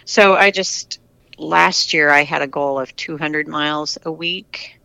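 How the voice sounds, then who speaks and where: A retired cyclist in their sixties from the US answers casual interview questions candidly and chattily, frequently restarting and repeating words. The mid-range, gravelly voice is pushed and bright yet smooth, with fairly even intonation at a measured pace, on a dry recording.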